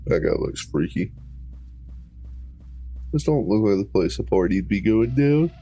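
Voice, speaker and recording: A man's voice: on the low side, expressive, unhurried, warm tone, faint music behind. A man hosting a let's play, reading a game's dialogue aloud with playful voices for each character and dropping casual asides. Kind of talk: reading game dialogue aloud while playing.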